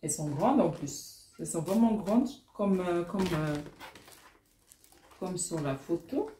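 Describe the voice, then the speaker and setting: A young woman talks excitedly, with fillers and repeated words. The echoey room lends her voice a hollow ring. Loud crinkling and rustling sit behind her. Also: on the low side, a little slow, a little hiss or hum. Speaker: small-business vlogger. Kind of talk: casual vlog chat. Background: crinkling packaging and clicks.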